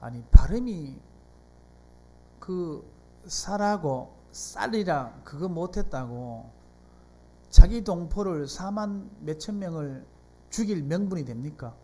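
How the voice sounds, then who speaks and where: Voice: medium pitch, expressive, slow, pauses often, dark tone, slight background noise. A pastor from South Korea with a Gyeongsang accent, preaching a sermon in a church and putting frequent rhetorical questions to the congregation. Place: church sanctuary.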